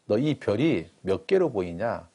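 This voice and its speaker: God, calm and fatherly, as a preacher puts him on. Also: lowish voice, unhurried, voice pushed down, full character voice. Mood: patient. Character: God, patient and fatherly, explaining to a man.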